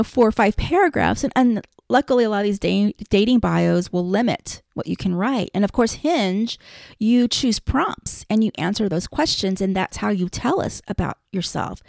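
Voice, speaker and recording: A woman hosting a casual advice podcast, talking straight at her listeners. Her voice sits a little high, with a gravelly fry. She is blunt and profane, ranting freely. The sound is dry and close, with no room around it. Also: a little mellow, no echo. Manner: direct address to listeners. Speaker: podcast host.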